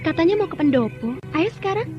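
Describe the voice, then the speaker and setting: Old radio drama: a soothing, playful young married woman fighter; high-pitched, muffled lo-fi recording under faint music. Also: animated, fast. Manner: gentle, teasing, soothing. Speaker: Dewi Astini, a radio drama character.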